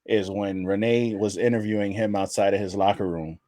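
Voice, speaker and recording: A man co-hosting a wrestling podcast in casual chat, animated and profane, swearing often. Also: on the low side, brisk, no echo. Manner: animated, profane, laughs while retelling. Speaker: podcast co-host.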